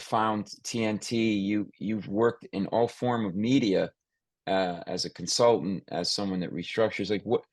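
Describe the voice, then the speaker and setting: Speaking with a somewhat low voice, this American podcast host conducts a conversational interview. He talks with emphasis, often starting over and repeating himself, and there's no echo on the audio.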